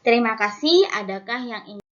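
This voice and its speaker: A woman's voice: on the high side, animated, fairly quick, lo-fi sound. A woman teacher giving an online lesson to her students, patiently repeating key terms and talking with many fillers.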